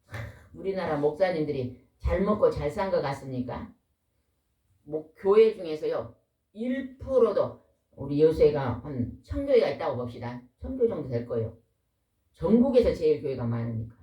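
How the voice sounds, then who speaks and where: Woman, folksy sermon, lowish voice, roomy church echo. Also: normal speed, muffled recording. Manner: lively, folksy, asks the congregation questions. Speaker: pastor's wife preaching. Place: church hall. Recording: echoey hall, voice from far off.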